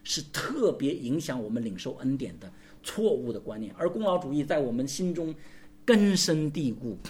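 A man's voice: medium pitch, a little mellow, a little hiss or hum. A man preaching a sermon as pastor, calling for responses and asking his listeners rhetorical questions.

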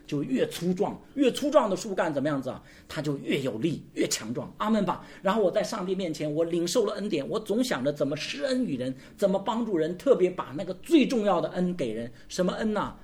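A man's voice: high voice, big pitch swings, a little fast, hardly any pauses, darkish tone. A man preaching a sermon as pastor, calling for responses and asking his listeners rhetorical questions.

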